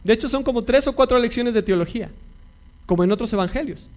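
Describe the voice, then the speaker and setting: A man's voice: very high voice, quick pace, darkish tone. A male pastor preaching a sermon, repeating key phrases and putting questions to his congregation.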